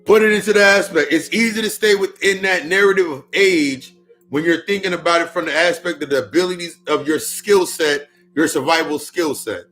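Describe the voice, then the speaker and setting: A man in his mid-thirties delivers a loose spiritual monologue fairly quickly in a slightly high, bright, forceful voice. He swears freely and keeps circling back to his own phrases for emphasis. Faint music with ringing bowl tones plays behind him.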